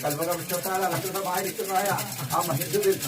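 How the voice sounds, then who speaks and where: A woman's voice: lowish voice, steady tone, normal speed. A woman with a north Kerala accent speaking as a possessed ritual oracle, proclaiming solemnly in a chanted declamation. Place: at a live temple ritual, distant mic. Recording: distant, noisy field recording of a ritual.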